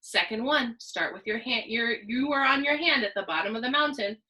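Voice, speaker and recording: A woman's voice: fairly high pitch, a little fast, pushed and bright, rough recording. A woman PE teacher leading young children through a stretching lesson like a kids show host, with sing-song counting and simple, encouraging instructions spoken straight to the viewer. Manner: addresses the viewer directly with call-and-response. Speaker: elementary PE teacher.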